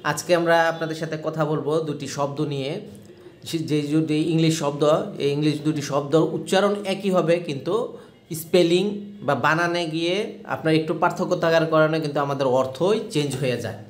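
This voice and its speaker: A man's voice: fairly high pitch, fairly even intonation, fairly quick, echoey room. A man teaching an English spelling lesson, spelling the letters one by one and repeating words.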